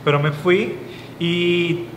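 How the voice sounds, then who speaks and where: A man's voice: high voice, fairly even intonation, slow, echoey room, long reverb tail, a little hiss or hum, low-quality recording. A young man from South Korea, a guest in a casual interview, talking thoughtfully and often restarting his sentences. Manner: thoughtful, with frequent restarts and fillers. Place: studio with dark curtain backdrop.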